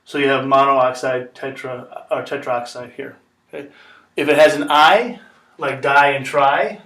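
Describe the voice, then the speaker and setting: Picked up by a distant mic in an echoey classroom, a male chemistry teacher works through material patiently, repeating steps and asking "okay?" His mid-range voice has a sharp tone, fairly even intonation, and a measured pace.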